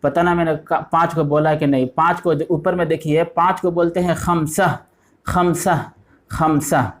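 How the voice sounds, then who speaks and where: A man's voice: a little high, little pitch movement. A man teaching an online language lesson, patiently repeating each word several times. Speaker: Arabic teacher.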